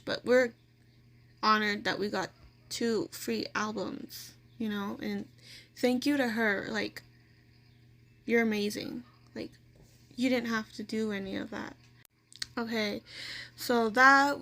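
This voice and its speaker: A woman's voice: a little high, fairly bright tone. A woman vlogger casually telling a personal story, rambling with lots of "like" fillers and restarts.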